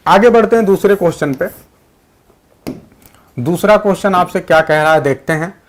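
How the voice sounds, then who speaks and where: A man with a high voice leads a live online exam-prep class. He explains English grammar points and reads his students' chat replies aloud, switching between Hindi and English sentences. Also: normal speed. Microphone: digital board class setup.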